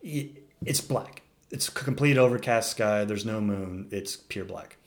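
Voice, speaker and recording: A young man telling a wild story in casual chat, animated and profane, saying "dude" a lot and acting out the quotes of others. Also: on the low side, unhurried. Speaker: storyteller guest.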